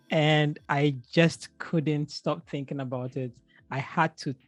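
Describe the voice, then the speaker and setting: A man's voice: a little high, darkish tone, no room sound, studio quality. A man hosting a podcast interview, welcoming his guest enthusiastically with frequent fillers and restarts. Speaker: podcast host.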